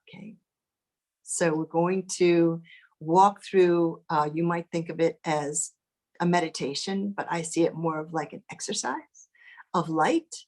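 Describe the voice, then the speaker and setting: A woman teaching a guided meditation, speaking gently and without hurry, leaving pauses between phrases. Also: lowish voice. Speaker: spiritual workshop teacher leading a guided exercise.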